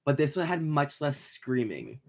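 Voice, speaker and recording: A man's voice: fairly high pitch, huge pitch swings, measured pace. A man from Canada co-hosting a podcast, chatting in a rambling, joking way with frequent restarts. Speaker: podcast co-host. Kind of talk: casual chat.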